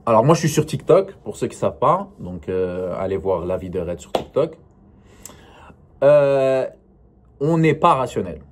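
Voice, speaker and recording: A man's voice: mid-range voice, a little mellow. Rambling French-speaking male vlogger. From not northern France. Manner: rambling, hesitant with many fillers and restarts. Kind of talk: casual solo vlog monologue.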